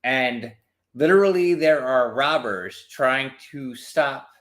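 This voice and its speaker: A man's voice: medium pitch, a bit bright. Tipsy, scornful man in an echoey room. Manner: emphatic, scornful, halting with repeated phrases. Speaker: co-host of a movie review. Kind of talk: casual spoiler review chat. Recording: roomy echo.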